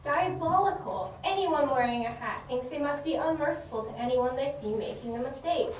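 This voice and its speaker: A proper, dutiful police inspector played by a woman with a dry delivery for stage comedy. The voice is very high and rings in a strongly echoing room, picked up from afar. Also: normal speed, close to an everyday voice. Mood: concerned. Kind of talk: theatrical comedy drama acting. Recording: very echoey room, distant mic, faint noise.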